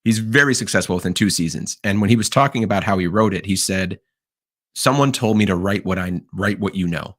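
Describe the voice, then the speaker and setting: A man's voice: deep voice, fairly quick, a bit bright. A man co-hosting a casual podcast, earnestly arguing his point with enthusiasm. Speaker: podcast co-host. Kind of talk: casual chat.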